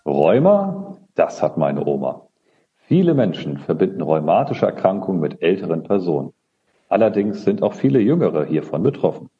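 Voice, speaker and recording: A man hosting a podcast, with a lively, expressive delivery. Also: deep voice, moderate pace, highs cut off, soft background music. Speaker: podcast host, social counselor. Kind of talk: podcast moderation.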